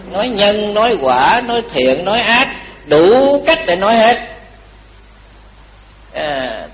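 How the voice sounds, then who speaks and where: A man giving a Buddhist dharma talk, telling a story lively and asking the audience questions. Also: a little high, rough recording. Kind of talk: storytelling sermon.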